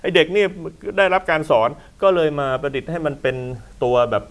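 A man's voice: a little high, a little fast. A man hosting a football talk show in a studio, lecturing with emphatic, rambling asides.

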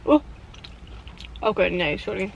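A woman in her twenties with a Netherlands Dutch accent, chatting casually and excitably to camera with English slang mixed in. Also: mid-range voice, slow, vocal fry, highs cut off. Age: 20s. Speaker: vlogger. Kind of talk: casual vlog chat. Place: inside a parked car at night. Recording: faint background noise in car.

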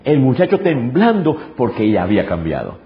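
A man's voice: medium pitch, huge pitch swings, fairly quick. A male pastor preaching a sermon emphatically, repeating phrases and throwing rhetorical questions at the congregation. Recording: dull lo-fi recording.

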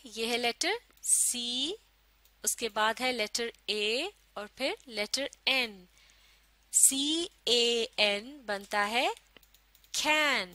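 Female teacher, children's phonics lesson, very slow and patient, crisp bright tone, dry close mic. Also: a little high, no room sound. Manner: slow, patient, spells letters out and praises pupils. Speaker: English teacher.

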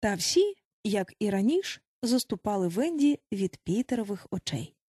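A woman narrating a children's storybook aloud with animated expression. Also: medium pitch, moderate pace, slightly rough, no echo, studio quality. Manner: animated, voices each child in turn. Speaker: audiobook narrator.

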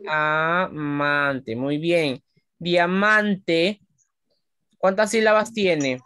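A woman teaching a class of young children, patiently explaining rules step by step and stretching words out slowly while she quizzes her pupils. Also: deep voice, fairly bright tone, clean tone, no echo, studio quality. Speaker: primary school teacher.

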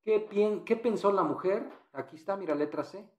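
A man's voice: high-pitched, moderate pace, echoey room. A man teaching English in Spanish, patiently walking through exam answers and repeating phrases.

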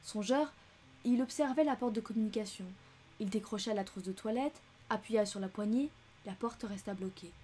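A woman reading a detective novel aloud, breaking into chatty asides between passages of expressive narration. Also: medium pitch, normal speed, slight background noise. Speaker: audiobook reader and channel host. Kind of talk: casual audiobook reading with asides.

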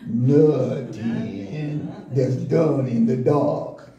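A man preaching a sermon from the pulpit in rhythmic call-and-response style, building to shouts. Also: mid-range voice, extremely slow, distant mic, lo-fi sound, a crowd in the background. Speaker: pastor. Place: church sanctuary, indoors, at a pulpit. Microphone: stand mic at the pulpit, filmed from a far camera. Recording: echoey church room, heard from afar.

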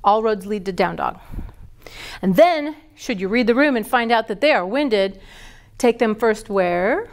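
Speaking at a measured pace, a lively middle-aged woman with a high, bright voice keeps quizzing her yoga teacher trainees and supplying the answers herself. The sound comes from a distant camera on the other side of a big wooden studio.

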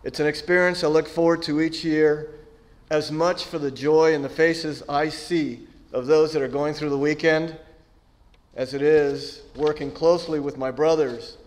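A man's voice: on the high side, fairly even intonation, normal speed. A middle-aged man, a lay church member, reading a prepared announcement steadily from a lectern in a church.

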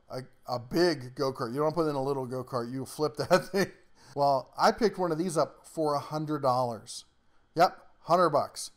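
A man with a somewhat high voice runs down a list of tools in casual, folksy shop talk. He rambles between points and chuckles often, like someone chatting from his garage workbench. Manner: down-to-earth workshop slang. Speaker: tool review channel host. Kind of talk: casual product rundown.

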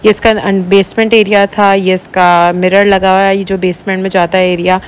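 A young woman from Pakistan narrating her travel vlog in a casual, chatty voice-over, pausing often with "uh". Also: medium pitch, a little hiss or hum. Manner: chatty, relaxed, with many "uh" pauses. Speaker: vlogger.

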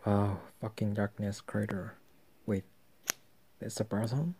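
A man exploring a dark abandoned hospital, giving casual commentary with wry, muttered asides into a handheld camera. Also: fairly low pitch, steady tone, slow, slight background noise. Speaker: urban explorer.

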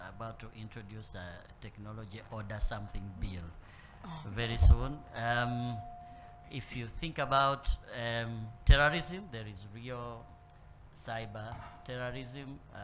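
A man speaking on a conference panel about boardroom risk, in a measured way, often repeating words and pausing with fillers. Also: medium pitch, background noise. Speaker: panel speaker on corporate governance. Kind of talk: spoken panel talk. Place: conference room with live and online audience.

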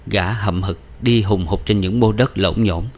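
A man narrating a novel as an audiobook reader, in a steady, even storytelling manner. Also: fairly low pitch, measured pace.

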